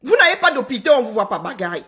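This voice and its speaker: Now she races along in a sing-song, high-leaning, fairly bright voice, berating viewers with sarcasm on her live stream. This Cameroonian commentator considers her own voice unpleasant.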